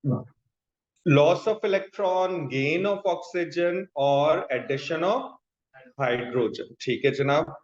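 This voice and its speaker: A chemistry teacher with a Pakistani accent and a fairly high voice lectures at normal speed, mixing explanation with questions to students. He repeats key terms and often checks that the class is following, in a dull, echoey room.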